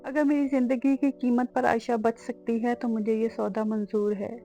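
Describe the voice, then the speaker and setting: A devoted young man, calm and tender in an audio novel, read by a woman. The voice sits a little high with a gravelly edge and a mellow, dark tone. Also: lo-fi sound, faint music behind, close to an everyday voice. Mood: resolute tender. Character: devoted young man ready to sacrifice himself.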